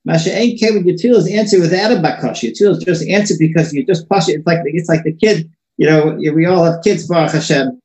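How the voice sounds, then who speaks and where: A man's voice: on the high side, fast, a little mellow. A man giving an informal religious lesson, talking loosely and often repeating and restarting his words, heard in an echoey room. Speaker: religious teacher.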